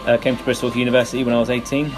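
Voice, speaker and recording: A man's voice: mid-range voice, level tone, very fast. A man with a Home Counties accent chatting casually as an interview guest, explaining things in an easygoing, modest way. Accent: Home Counties English. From Hertfordshire, England. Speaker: interviewed guest, meetup organiser. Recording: loud music behind the voice. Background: music.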